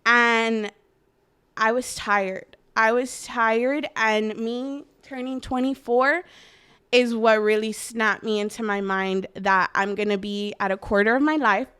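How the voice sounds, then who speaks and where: A woman's voice: on the high side, steady tone, slow pace, fairly bright tone, clear, resonant tone. A woman in her twenties talking earnestly and reflectively in an interview, often saying "like.". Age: 20s. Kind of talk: candid personal interview.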